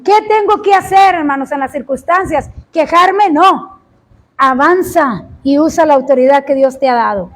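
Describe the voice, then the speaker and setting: Woman preacher, very high voice, impassioned sermon, draws out words, bursts into shouts. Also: moderate pace.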